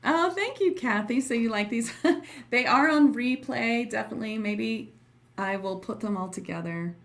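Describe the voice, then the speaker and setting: A woman's voice: on the high side, normal speed, gravelly, fairly bright tone. A woman hosting a casual livestream as a teacher, chatting with viewers in an informal, giggly, effusive way. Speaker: host and trance channeling teacher.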